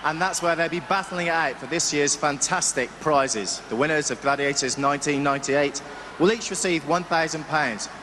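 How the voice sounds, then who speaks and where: A man co-hosting a game show in a large indoor arena, energetic and hyping things up. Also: a little high, moderate pace, noisy background. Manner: energetic, hyping, calls out over the crowd. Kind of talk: lively TV presenting in an arena. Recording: loud arena crowd and music.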